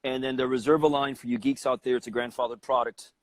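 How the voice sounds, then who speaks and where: A man's voice: medium pitch, steady tone, fast talker, no echo. A man from Cuba, a cigar company president, talking as an interview guest in a confident, persuasive way.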